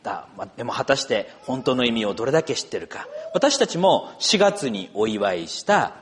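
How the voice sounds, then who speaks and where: A man's voice: medium pitch, very animated, moderate pace, slight background noise. A middle-aged man, a pastor, praying formally and then preaching a sermon with storytelling. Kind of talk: church prayer and sermon.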